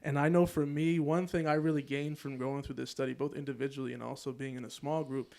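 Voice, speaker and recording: A man co-hosting a church podcast, explaining a study in a thoughtful, steady way. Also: mid-range voice, quick pace, vocal fry. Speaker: podcast co-host. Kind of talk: podcast discussion.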